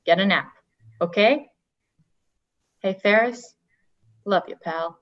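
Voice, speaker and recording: Fussing, doting father read by a woman in a table read; gentle, muffled recording. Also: mid-range voice, slow pace, close to an everyday voice. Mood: caring. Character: doting middle-aged father. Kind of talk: unrehearsed script read-through. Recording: dull lo-fi recording.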